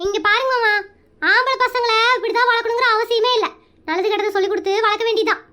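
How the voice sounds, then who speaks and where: A woman's voice: very high voice, fairly even intonation, fast talker, pushed and bright. A woman voicing a strict, bossy village mother and wife in a cartoon comedy, scolding in a rural Tamil Nadu accent. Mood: stern.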